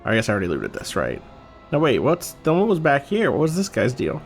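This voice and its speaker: A man's voice: mid-range voice, huge pitch swings, a little fast, creaky, soft background music. A man hosting a podcast, giving casual let's-play commentary in a laid-back, joking way. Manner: laid-back and joking, with beeping droid noises. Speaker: podcast host playing a video game.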